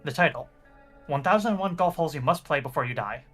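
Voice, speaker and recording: A man's voice: fairly high pitch, expressive, quick pace, a bit bright, soft background music. A man reading game text aloud as narrator during a playthrough.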